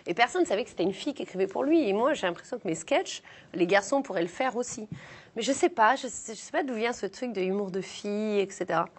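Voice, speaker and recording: A woman's voice: medium pitch, expressive, quick pace, breathy edge. Young woman, comedian guest, from southern France, casual interview chat, self-mocking, full of fillers. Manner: chatty, self-mocking, many fillers and restarts.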